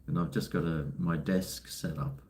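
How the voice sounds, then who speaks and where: A man's voice: sits low, steady tone, normal speed, a little mellow, slight background noise. An Australian man chatting casually on a live stream in a laid-back, blokey, colloquial way, responding to viewers.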